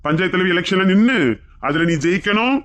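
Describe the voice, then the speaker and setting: A man's voice: high-pitched, fast talker, a bit bright. A man playing a cheerful village husband. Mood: warm. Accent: Kanyakumari Tamil. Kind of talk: comic family skit acting.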